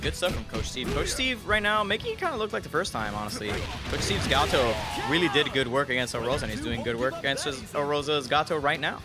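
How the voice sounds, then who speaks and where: Male esports commentator, excitable and slangy, animated intonation, halting restarts, music underneath. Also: fairly high pitch. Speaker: tournament commentator. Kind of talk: casual live esports commentary. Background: game music.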